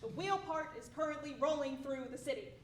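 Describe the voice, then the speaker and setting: A woman's voice: high voice, expressive, fairly quick. A woman playing a dry, pedantic news field reporter in a comedy sketch. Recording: roomy, distant, noisy.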